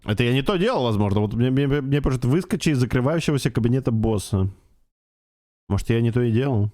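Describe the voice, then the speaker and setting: A man's voice: mid-range voice, lively intonation, fast talker, warm tone, no echo. A man streaming a game with casual, offhand, wry live commentary into a close mic.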